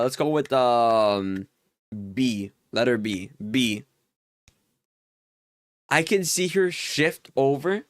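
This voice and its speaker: A man's voice: mid-range voice, dry recording, clean studio sound. A young man streaming a Minecraft game, casually telling a long story, full of fillers and laughing exasperation. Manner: rambling, filler-heavy, exasperated laughing retelling. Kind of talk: casual storytelling while gaming.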